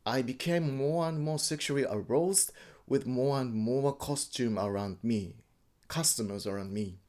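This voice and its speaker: A man from Japan with a Japanese accent gives a personal account in halting English, often repeating and correcting words. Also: medium pitch, a little mellow. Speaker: interviewee.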